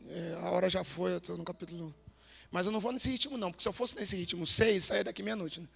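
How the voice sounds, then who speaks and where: A high-pitched, gravelly male preacher with a Brazilian Portuguese accent, thundering an emphatic Pentecostal sermon. His voice rings through a large church hall with a long reverb tail. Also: steady tone, fast talker. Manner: shouting and emphatic, acts out quoted voices. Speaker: pastor.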